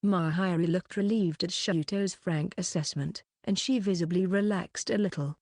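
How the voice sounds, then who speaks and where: Woman narrator, low voice, dry close sound, even unhurried reading, light novel. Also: no room sound. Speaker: audiobook reader.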